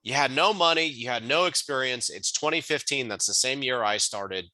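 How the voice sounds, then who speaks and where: A man's voice: mid-range voice, normal speed, sharp tone, no echo, rough recording. A man hosting a podcast, introducing and interviewing his guest in an upbeat, hyped-up way. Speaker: podcast host.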